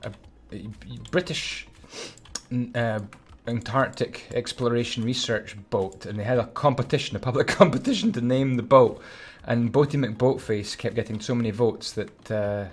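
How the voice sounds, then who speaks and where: A man's voice: medium pitch, moderate pace. A Scottish man chatting casually while building a game level, humming and muttering to himself as he concentrates. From Scotland. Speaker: Minecraft YouTuber.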